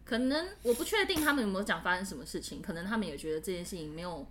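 Bright-voiced woman telling a story. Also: medium pitch, lively intonation, very fast, slight background noise. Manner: candid, laughs while telling a frightening story. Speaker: podcast co-host. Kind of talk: casual storytelling chat.

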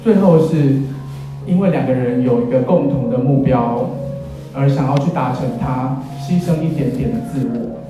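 A man's voice: mid-range voice, moderate pace, dull audio. A man in his thirties with a Taiwanese accent, giving a wedding speech as officiant with wry, self-deprecating humour. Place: in a church, speaking to guests. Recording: very echoey church hall, music behind.

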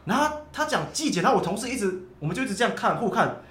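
A man with a Taiwanese Mandarin accent tells stories casually, repeating bits as he goes. He talks fast in a fairly high, lively voice. The room echoes around him. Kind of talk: casual chat, telling anecdotes. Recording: roomy echo, faint background noise.

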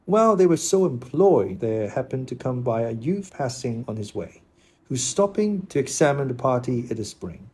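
Casting: male audiobook narrator with a dark, slightly husky voice and a steady delivery. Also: mid-range voice. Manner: steady, measured reading. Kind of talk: audiobook narration of a classic novel.

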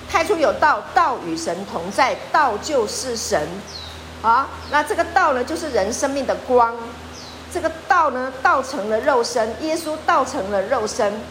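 A woman pastor with a high voice preaches a lively sermon over background noise, often putting questions to her congregation.

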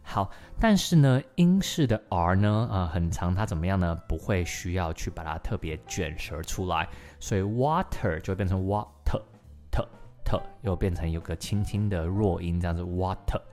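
A young man hosting an English-learning podcast lesson in a chatty, lively way, slowly modelling English sounds again and again. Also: deep voice, faint music behind. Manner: chatty, lively, with many sentence-final particles.

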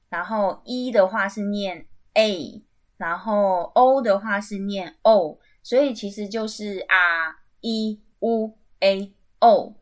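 Slow, patient woman. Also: medium pitch. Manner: patient, repeats sounds slowly and clearly. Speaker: podcast host. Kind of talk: casual language lesson.

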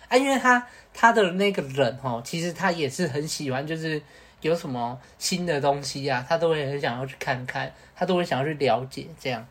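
Slangy Taiwanese-accented man telling a story. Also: on the high side. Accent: Taiwanese Mandarin. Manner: animated, slangy, peppered with Hokkien swearing. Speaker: podcast co-host. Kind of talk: casual storytelling.

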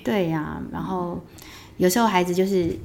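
A podcast host with a Taiwanese Mandarin accent and a somewhat low voice for a woman. She speaks gently and thoughtfully in casual chat with her guest. She often murmurs soft agreement while her guest talks. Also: moderate pace, vocal fry, a little hiss or hum. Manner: frequent soft backchannel murmurs, gentle reflective advice.

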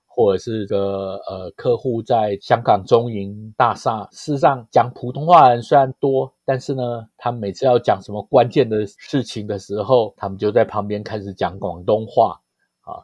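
A man's voice: on the low side, a little mellow, no echo, highs cut off. A middle-aged man from Taiwan with a Taiwanese Mandarin accent, telling stories conversationally in an explanatory way, peppered with interjections. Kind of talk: conversational storytelling.

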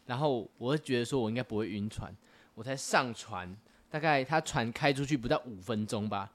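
Fast-talking man telling anecdotes. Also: medium pitch. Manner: chatty anecdote teller. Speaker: podcast host. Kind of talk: casual chat.

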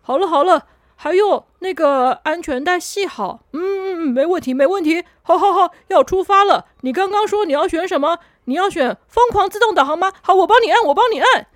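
A woman's voice: very high-pitched, animated, no echo, studio quality, pitched above the performer's own voice. A woman voicing a careless, easygoing guide who drawls and hurries others along. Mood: breezy. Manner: easygoing, drawn-out.

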